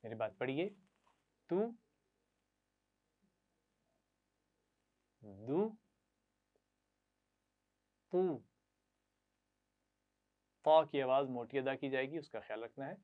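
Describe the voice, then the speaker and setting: Man, children's reading teacher, patient, repeats sounds slowly, frequent praise, mid-pitched voice, tinny narrow sound. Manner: patient, repeats syllables slowly for pupils to echo. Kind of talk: classroom lesson to children.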